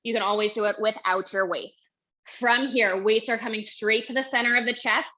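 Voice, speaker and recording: A woman's voice: fairly high pitch, steady tone, normal speed, pushed and bright. A young woman teaching a Pilates workout, counting reps and cueing moves while she exercises, short of breath. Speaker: Pilates instructor. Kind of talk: guided workout instruction. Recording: dull lo-fi audio.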